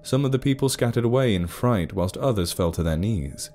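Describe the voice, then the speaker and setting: A man narrating a scripted story in a low, measured storytelling voice. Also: expressive, mellow, faint music behind.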